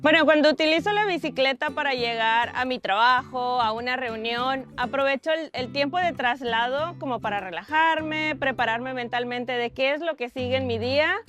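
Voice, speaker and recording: A young woman from Monterrey, Mexico, calmly answering interview questions. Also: high-pitched, moderate pace, few pauses. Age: young adult. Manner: calm, practical, with fillers. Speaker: interview guest. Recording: faint music underneath.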